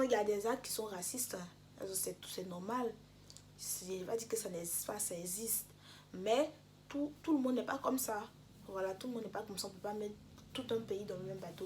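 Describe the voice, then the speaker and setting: A young woman vlogger telling a storytime to her viewers, animated and direct, often dropping to soft, near-whispered asides. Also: medium pitch, a little hiss or hum. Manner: talks straight to viewers. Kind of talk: storytime vlog.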